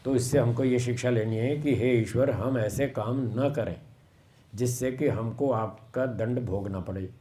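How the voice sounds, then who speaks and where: A man giving a sermon on scripture, slow and explanatory, repeating phrases for emphasis. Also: medium pitch, warm tone. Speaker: swami giving a Vedic discourse.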